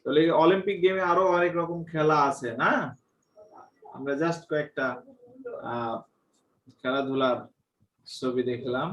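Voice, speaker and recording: A man teaching an online English class. He mixes English teaching phrases into Bengali, puts the class direct questions, and pauses often on 'ah'. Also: on the high side, fairly bright tone, recorded from a distance, lo-fi sound. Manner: drawn-out, hesitant delivery with frequent 'ah' pauses.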